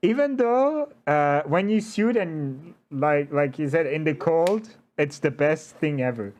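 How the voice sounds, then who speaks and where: Higher-voiced man chatting casually, animated and hesitant. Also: measured pace. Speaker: interview show host. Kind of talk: casual conversational interview.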